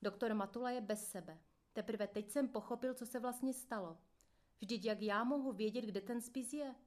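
A woman narrating a first-person memoir in a steady, earnest manner. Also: a little high. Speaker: audiobook narrator.

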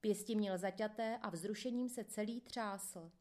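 A woman reading a first-person memoir aloud in a calm, measured way. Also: medium pitch. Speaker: audiobook reader. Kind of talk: scripted first-person narration.

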